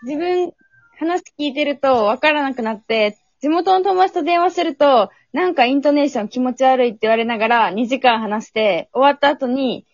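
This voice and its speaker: Guest, Fukuoka woman in her twenties, high voice, earnest, dry dull audio. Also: normal speed, no echo. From Fukuoka, Japan. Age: 20s. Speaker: guest university student. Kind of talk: casual chat.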